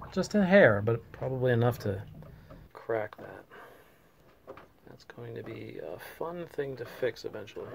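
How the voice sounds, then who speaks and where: A man's voice: mid-range voice, vocal fry, darkish tone, a little hiss or hum. A man casually narrating his solo sail, chatty and thinking aloud, recorded outdoors on a sailboat deck on a camera mic. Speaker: sailing vlogger.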